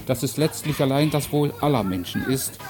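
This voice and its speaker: A man reading a story aloud and then giving measured, earnest commentary as a radio presenter. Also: mid-range voice, animated.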